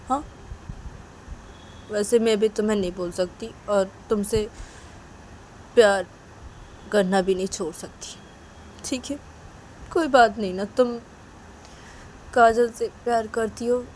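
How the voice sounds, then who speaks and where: Lady doing a lovesick young woman in a storybook, soft and halting, mellow low tone. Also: a little hiss or hum, close to an everyday voice, rough recording. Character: lovelorn young woman confessing hidden love.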